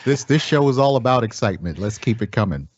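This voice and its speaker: A man's voice: medium pitch, sing-song, quick pace. A man moderating a podcast discussion, easygoing and casual, passing the turn to other panelists. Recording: dry muffled lo-fi audio.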